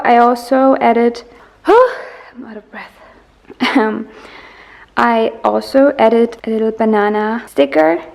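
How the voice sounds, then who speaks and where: Chatty young woman with a gravelly edge. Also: fairly high pitch, darkish tone. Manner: chatty, laughs often, many ums. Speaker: artist vlogger. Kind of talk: casual studio vlog. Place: home art studio.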